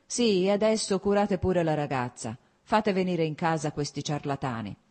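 Woman reader as an older prince: gruff, wry, low and husky. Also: sing-song, moderate pace, warm tone, exaggerated voice. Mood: irate. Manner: wry, then blustering. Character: gruff teasing elderly prince, a father.

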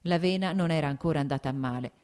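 A woman reads a classic novel aloud in a measured, even pace. Her voice sits on the lower side for a woman. The delivery is calm, literary narration. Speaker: audiobook narrator. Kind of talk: scripted narration.

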